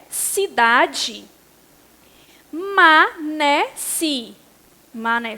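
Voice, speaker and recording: A Brazilian woman teaching a primary school writing and spelling class, sounding out syllables slowly and encouraging the pupils. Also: very high-pitched, fairly bright tone. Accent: Brazilian Portuguese. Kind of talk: recorded online class.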